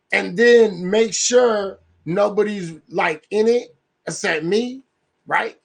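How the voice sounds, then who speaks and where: On his livestream, a man rambles slowly through a profane plan in a high, gravelly voice with a husky rasp underneath. In this casual rant he keeps checking in with his listeners.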